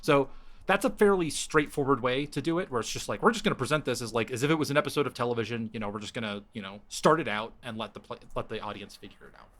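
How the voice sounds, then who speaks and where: A man talks through his ideas in casual podcast chat, circling back and restarting his sentences as he works them out. His voice sits at an ordinary middle pitch. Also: expressive, fast talker, fairly bright tone. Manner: rambling, thinking aloud with frequent restarts. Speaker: podcast host pitching a story.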